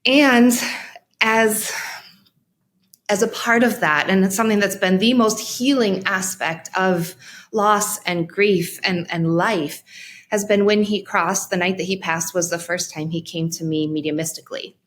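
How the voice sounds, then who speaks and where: A woman interviewed as a guest, who practices in mental health, tells a personal story reflectively, stopping often and restarting her phrasing. Her pitch is medium and her tone steady and a bit bright.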